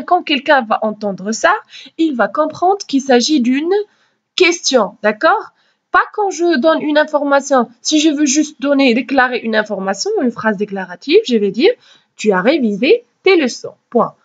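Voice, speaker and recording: A woman teacher giving a grammar lesson, explaining slowly and carefully and acting out questions with rising intonation. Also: high-pitched. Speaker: French teacher. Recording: dull, lo-fi recording.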